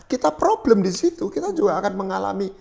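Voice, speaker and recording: Man, middle-aged, from East Java, pastor, personal testimony, very lively pitch, English phrases mixed in. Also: fast talker, gravelly. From East Java, Indonesia. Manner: animated storyteller, swings loud and soft, acts out his own prayers; drops English phrases into his talk. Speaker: pastor, guest.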